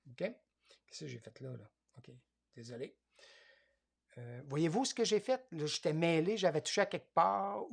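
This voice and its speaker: A man's voice: a little high, gravelly, slightly rough. A man with a Quebec French accent teaching a tablet class, hesitant and thinking aloud as he demonstrates step by step. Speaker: tablet course instructor.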